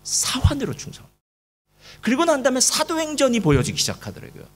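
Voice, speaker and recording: A man preaching a sermon to a church congregation, telling a story with lively asides and rhetorical questions to the listeners. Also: extremely high pitch, brisk. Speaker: pastor. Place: church service.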